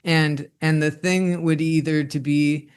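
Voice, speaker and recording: A man's voice: on the high side, flat delivery, slow, smooth. A man in his twenties speaking reflectively in a personal monologue, rambling with many restarts and filler words. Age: 20s. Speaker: host.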